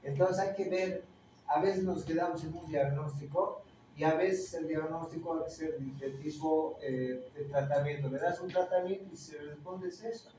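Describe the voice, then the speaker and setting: A middle-aged man with a Peruvian accent lecturing a classroom, a touch higher-pitched than most men. He keeps firing tag questions at his students between points. The room is very echoey and he sits well away from the mic, with a faint hiss behind. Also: normal speed, warm tone, far from the mic. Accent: Peruvian Spanish. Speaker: teacher.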